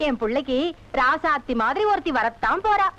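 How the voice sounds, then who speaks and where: An actress playing a doting, sharp-tongued village mother in a film. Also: high-pitched, expressive, fairly quick. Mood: defensive. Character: doting village mother, middle-aged woman. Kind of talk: Tamil film acting. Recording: dull lo-fi film soundtrack with music.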